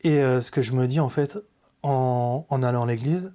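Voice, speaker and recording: Male guest telling his own faith story; warm, low-lit tone, hesitant and sincere. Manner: halting, with many hesitations and restarts; earnest, confessional. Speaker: podcast guest giving a testimony. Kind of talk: personal faith testimony in conversation.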